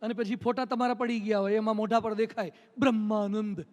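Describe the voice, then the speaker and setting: High-voiced monk preaching in a hall. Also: male voice, flat delivery, fairly quick, darkish tone. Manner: storytelling, playful, mimics people. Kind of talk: humorous sermon with anecdotes. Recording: long hall reverb.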